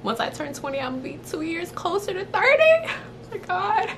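A bright-voiced young woman from South Florida talks casually and playfully to her camera, rambling a little as she shares about her life. She sounds close to the mic in a small room, with a faint hiss underneath. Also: very high-pitched, big pitch swings, brisk. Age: 20s. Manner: chatty, playful, self-described rambler. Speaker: beauty vlogger, licensed esthetician. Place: indoors, small room before a woven screen.

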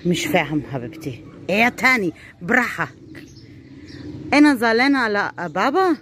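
A woman's voice: mid-range voice, sing-song, racing, fairly bright tone, slight background noise. A woman vlogging casually on a village farm, chatting and coaxing animals while switching between languages. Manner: chatty, switching between German, English and Arabic.

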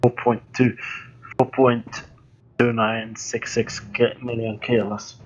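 A young man playing a game with a friend, talking slowly and deliberately, laughing along and repeating the other's words. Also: medium pitch, flat delivery, dull audio. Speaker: co-player. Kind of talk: casual gaming chat.

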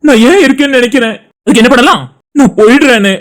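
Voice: medium pitch, fast, lightly acted. A voice actor playing a grieving, guilt-ridden young man in a cartoon drama, sorrowful and apologetic. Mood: despairing.

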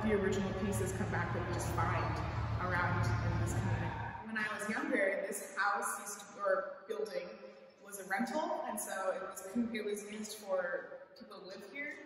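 A woman's voice: mid-range voice, slight background noise. Young woman with a chatty tour-guide manner, voice distant and echoing in a large empty indoor room. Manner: chatty, with frequent likes and sort ofs. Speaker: youth advisory board member. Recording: roomy echo, from far off.

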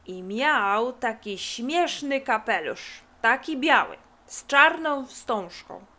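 Woman reading lazy sleepy boy, slow drawl, high voice, storybook. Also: animated, pushed and bright, full character voice.

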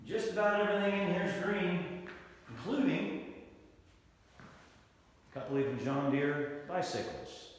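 A man's voice: fairly high pitch, animated, a little slow, pauses often. A middle-aged man, an auctioneer giving an upbeat sales walkthrough of items, filmed in a large barn. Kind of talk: promotional walkthrough. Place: large barn and indoor toy room. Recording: echoey barn with long reverb.

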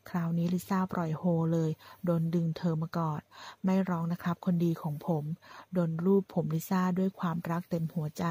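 A woman reading a romance story aloud as narrator, in steady, plain storytelling. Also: on the low side, breathy edge.

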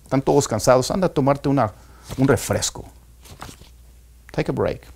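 Man, teacher type, gravelly voice, slow, repetitive lesson delivery. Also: medium pitch, a little mellow. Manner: explains slowly, repeating example phrases for learners. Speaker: English teacher. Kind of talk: spoken lesson.

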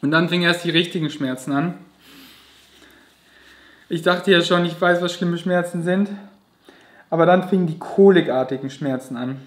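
A man's voice: a little high, moderate pace, long pauses. A man vlogging, telling a personal story to camera in a vivid, emotional way with casual swearing. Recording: roomy echo.

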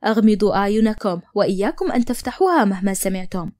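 A woman voicing a steady young man giving orders. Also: mid-range voice, fast talker, lightly acted. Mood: commanding. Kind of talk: storybook narration.

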